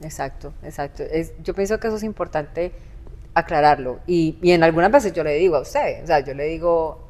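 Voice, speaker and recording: Low-voiced woman teaching emphatically. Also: fairly quick, a little mellow. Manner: emphatic, instructive, repeats points with rhetorical "¿sí?". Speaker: host and mother.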